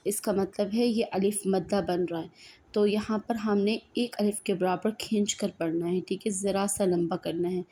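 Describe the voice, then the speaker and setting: A woman teaches Quran recitation in a patient, step-by-step lesson, with a mellow, dark-toned voice. She asks questions and answers them herself and often checks in with "right?". She recites her examples slowly and draws them out. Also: mid-range voice, steady tone. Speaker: tajweed teacher.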